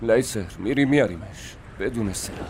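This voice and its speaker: An actor playing a shrewd, calm male enemy officer in a dubbed war drama. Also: medium pitch, noisy background, natural voice. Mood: calculating. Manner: calculating, calm reasoning.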